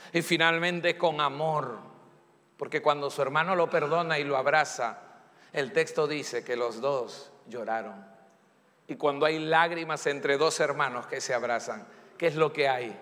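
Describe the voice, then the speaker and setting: A man's voice: a little high, fairly bright tone. A man preaching a sermon as pastor, emphatic and acting out pleas and excuses. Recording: echoey church hall.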